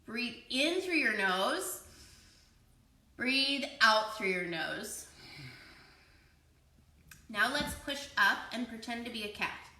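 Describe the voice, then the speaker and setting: A young woman leading a children's yoga class, giving playful, encouraging step-by-step cues in a slow, easy rhythm. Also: fairly high pitch, expressive, bright, forceful tone, recorded from a distance. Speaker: kids yoga teacher. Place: room with children. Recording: echoey room, voice from afar.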